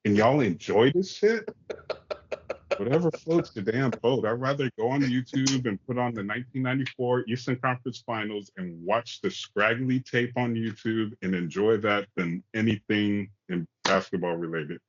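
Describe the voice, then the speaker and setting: A man's voice: on the low side, moderate pace, hardly any pauses, a little hiss or hum. Heated profane man on lo-fi audio. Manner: heated, profane, rising to near-shouting. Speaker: podcast co-host. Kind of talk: casual sports rant.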